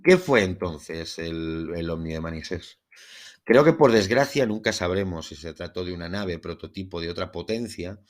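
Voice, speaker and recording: A man with a deep, low voice and a Spain Spanish accent presents a solo podcast. His delivery is formal and measured, somewhere between prepared narration and talk. He favours literary, carefully built phrases. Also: animated. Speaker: podcast host. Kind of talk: podcast monologue on a UFO case, part scripted narration.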